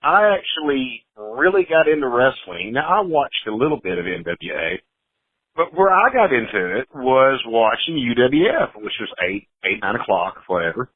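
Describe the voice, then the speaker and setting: A man from the Atlanta area of Georgia, joking and telling animated stories as a guest in a casual interview. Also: medium pitch, moderate pace, husky, dry recording, phone-quality sound. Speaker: podcast guest.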